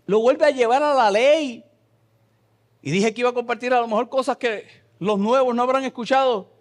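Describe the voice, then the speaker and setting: A Puerto Rican man preaching a sermon as pastor, reading scripture and swinging between loud passages and soft asides in a church. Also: very high voice, moderate pace. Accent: Puerto Rican Spanish. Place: church sanctuary.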